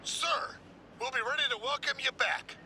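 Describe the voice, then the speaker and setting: An actor playing a deferential, admiring subordinate in a video game, with a creaky voice. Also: male voice, very high voice, moderate pace. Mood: respectful, amazed. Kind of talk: video game character voice acting.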